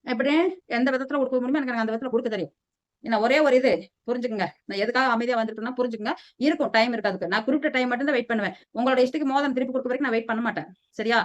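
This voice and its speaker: A middle-aged woman vlogger from southern India, scolding and defiant as she rants to the camera about family gossip. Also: high-pitched. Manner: heated, defiant, scolding, repeats "சரியா?". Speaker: lifestyle vlogger. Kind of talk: angry personal rant to camera. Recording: dull lo-fi audio.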